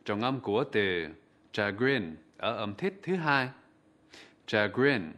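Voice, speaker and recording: A man presenting a TV English vocabulary lesson, pronouncing words slowly and formally for viewers to repeat. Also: fairly low pitch, very animated, a bit bright. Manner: slow, formal, deliberate enunciation. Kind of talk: scripted pronunciation drill.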